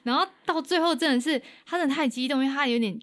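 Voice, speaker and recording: Woman telling an animated story. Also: high voice, quick pace, no echo. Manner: animated retelling, acting out dialogue, frequent restarts. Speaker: guest. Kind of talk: casual storytelling in an interview.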